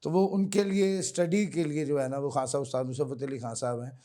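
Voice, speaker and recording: Male singer, mellow tone, earnest guest. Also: fairly high pitch, steady tone, a little fast. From Pakistan. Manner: earnest, repeats honorifics, addresses host as sir. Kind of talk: interview answers.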